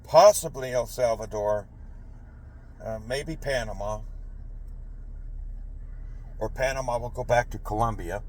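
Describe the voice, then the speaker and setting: A man's voice: medium pitch, a little slow, pauses often, a little mellow, low-quality recording. A man giving a rambling political monologue, often stopping to correct himself. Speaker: political commentator.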